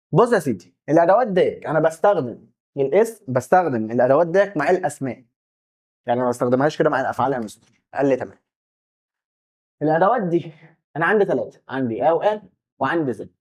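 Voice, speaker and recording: A young man speaks with an Egyptian Arabic accent and a voice set a little high. He teaches an English lesson in a relaxed, chatty way, putting on dialogues with imagined students as he explains. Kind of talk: casual classroom explanation.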